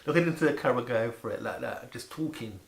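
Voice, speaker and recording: A man chatting casually and excitedly to camera about food, rambling and repeating words for emphasis. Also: medium pitch, quick pace, vocal fry. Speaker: vlogger presenting food to camera. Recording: echoey room with faint background noise.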